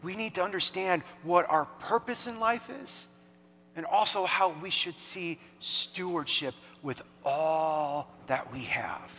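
A man delivers a conversational sermon, animated and quick to act out the people in his story. His voice sits high and sounds bright and forward, and it rings out with the long reverb of a large hall. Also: a little hiss or hum. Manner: animated, conversational preaching with acted-out dialogue. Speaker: pastor. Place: church hall.

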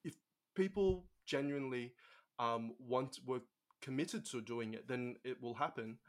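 A man's voice: medium pitch, a little slow. A young man hosting a casual chat, full of hesitations, restarts and agreeing "yeah"s. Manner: many hesitations and affirmations.

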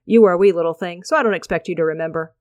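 A woman voicing a mysterious old male cowboy stranger who speaks in a brisk, low-key, cryptic way. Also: darkish tone, no echo, clean studio sound, close to an everyday voice.

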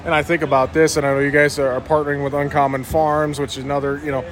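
Male on-location broadcast interviewer, a bit higher in pitch, courteous and chatty, outdoor event setting. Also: level tone, quick pace, crowd noise. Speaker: farm show interviewer. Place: outdoors at a busy farm trade show.

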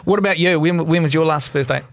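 A man hosting a blind date chat, asking halting questions full of fillers. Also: on the high side, a crowd in the background. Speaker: host. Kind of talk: casual chat.

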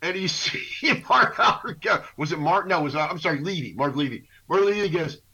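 A man co-hosting a radio show, ranting casually about sports in an animated, indignant, rambling way. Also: a little high, fairly quick, slightly rough. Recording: dull lo-fi internet radio.

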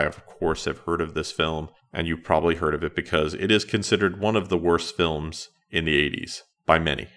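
A middle-aged man hosting a solo retro podcast in a measured, conversational, matter-of-fact way. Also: sits low, a bit bright. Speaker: podcast host.

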